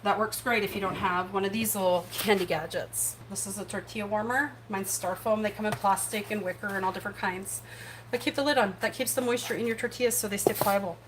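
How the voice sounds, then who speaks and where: A woman of medium pitch and fairly even intonation talks fast over background noise. As host of a relaxed kitchen livestream, she chats, wanders off topic and teases herself.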